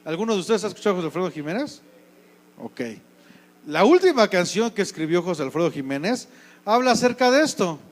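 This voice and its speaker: High-voiced Mexican pastor preaching. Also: male voice, very animated, brisk. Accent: Mexico City Spanish. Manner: conversational preaching, asks the congregation questions. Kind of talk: sermon. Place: church.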